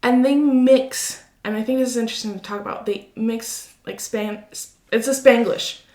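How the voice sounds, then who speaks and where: A woman's voice: on the high side, fairly even intonation, moderate pace, a little mellow, roomy sound. A woman co-hosting a casual podcast chat, thoughtful and telling stories. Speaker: podcast co-host.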